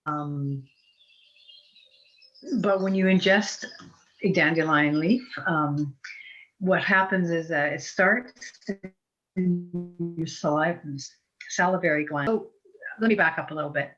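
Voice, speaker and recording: A guest herbalist from Eastern Europe gives a chatty, rambling talk, frequently restarting what she says. She speaks slowly in a low, slightly bright voice, pausing often. The online call audio is muffled, with faint music behind.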